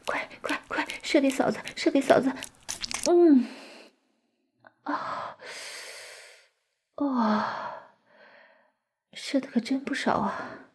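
A woman voicing a flirtatious, teasing sister-in-law in an intimate audio roleplay, speaking in a breathy close whisper. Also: high-pitched, takes it slowly, pauses often, exaggerated voice. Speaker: voice actress in an adult audio roleplay.

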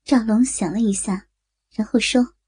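A woman narrating a story in a steady way. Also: on the high side, moderate pace, husky, no room sound. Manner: steady narration, voicing characters. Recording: dry close voice with faint music.

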